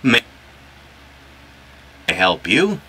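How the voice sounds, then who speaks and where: A man voicing a polite shopper and shop clerk in a scripted English textbook listening dialogue, speaking in slow, carefully enunciated English. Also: mid-range voice, wildly swooping pitch, pushed and bright, a little hiss or hum, heavily acted.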